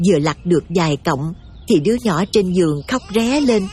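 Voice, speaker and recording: A woman narrating an audio drama in a steady, emotive storytelling manner. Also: on the low side, brisk, slight background noise.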